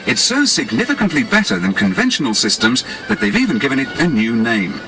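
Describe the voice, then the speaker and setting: A medium-pitched British man reads 1980s advertising narration from a script at a fairly quick, sing-song clip. The cassette recording carries music underneath his slick, explanatory pitch.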